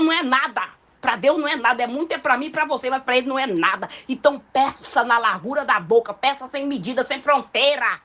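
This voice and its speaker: High-voiced woman preaching, lively and colloquial. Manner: colloquial, acts out quoted prayers in dramatized voices. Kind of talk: sermon.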